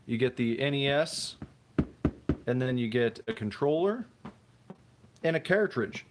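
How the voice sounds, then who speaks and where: Speaking expressively and at a measured pace, a medium-pitched man streams live from home through a tripod-mounted phone mic, with background noise audible. As the host, he chats easily while building, wandering through topics and reading out messages from viewers.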